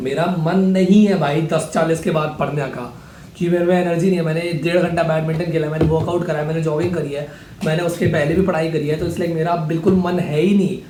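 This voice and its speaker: A man's voice: a little high, steady tone, quick pace, warm tone, reverberant, a little hiss or hum. A teenage man, chatting casually and jokingly as he answers viewer questions late at night, a bit sleepy. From India. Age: teens. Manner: chatty, switches between Hindi and English, jokey.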